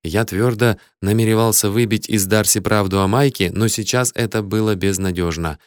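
A man's voice: on the low side, fairly even intonation, moderate pace, no echo. A man narrating an adventure audiobook in the first person, telling it vividly from a close studio mic. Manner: vivid, shouts the hero's angry lines.

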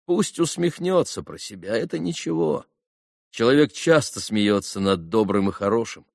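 Audiobook: man reading a sincere young speaker, low voice, dry close sound, earnest and heartfelt. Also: no room sound. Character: earnest young man addressing boys at a graveside.

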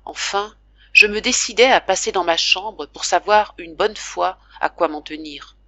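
A woman narrates a classic novel for an audiobook, reading slowly with emotional, dramatic weight. Her voice is bright and ringing, and it is recorded close and dry with no room sound. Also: on the low side, no room sound. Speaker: audiobook reader.

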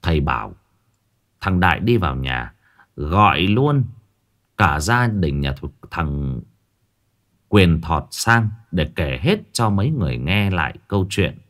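A man narrating a ghost story in an expressive, dramatic storytelling manner. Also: deep voice, measured pace. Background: faint background music.

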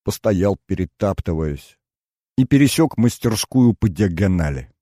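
A man reads a first-person novel in an unhurried, measured way. His voice sits very low with a dark, mellow color. The recording is dry and close to the mic. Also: animated, dry recording. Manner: measured, storytelling. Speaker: audiobook narrator.

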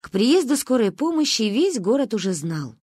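A woman narrating a story in an expressive, animated reading. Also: fairly high pitch, moderate pace, husky, no echo, clean studio sound. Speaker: audiobook narrator.

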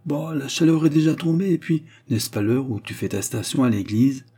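A man's voice: mid-range voice, lively intonation, moderate pace, dark tone, breathy edge, voice pushed up. A man voicing a polite but stubborn young man defending himself. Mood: earnest.

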